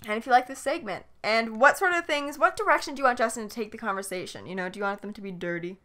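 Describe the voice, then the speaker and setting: A woman's voice: fairly high pitch, fast talker, bright, forceful tone. A woman co-hosting a podcast in casual chat, full of laughter and profane banter. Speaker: podcast co-host.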